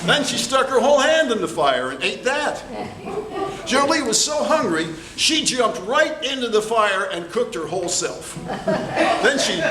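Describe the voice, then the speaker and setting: A man telling a tall tale as a contest storyteller, theatrical and deliberate, with dramatic pauses. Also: high-pitched. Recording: distant, echoey room with background noise.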